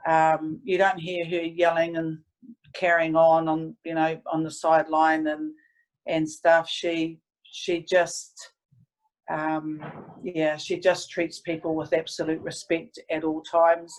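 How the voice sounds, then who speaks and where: Earnest Antipodean woman, even-toned. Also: low-pitched, slow pace, low-quality recording. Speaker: interviewee, sports team staff member. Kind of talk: casual storytelling interview.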